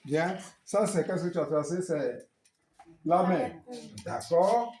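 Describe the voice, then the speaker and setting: Slow, high-voiced man teaching a class. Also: darkish tone, reverberant, slight background noise, poor audio. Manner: questioning and correcting students, encouraging. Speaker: Hebrew teacher. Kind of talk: classroom lesson.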